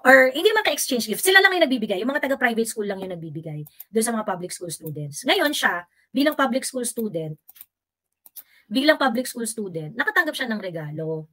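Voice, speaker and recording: A woman with a slightly high voice rants through a political commentary vlog. She sounds fiery and sarcastic, drifts into English now and then, and mocks her opponents with exaggerated voices. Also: sing-song, a little fast, sharp tone.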